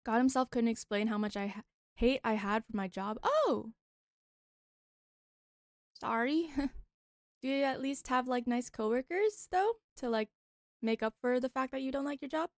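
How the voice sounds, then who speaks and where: A bubbly young woman streamer chats away with her viewers in a high, lively voice that leaps up whenever she gets excited. Her voice sits close to the mic in a dry, dead room. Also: measured pace, long pauses, dry recording. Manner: bubbly, chatty, reacts loudly to chat. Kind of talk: casual live-stream chat.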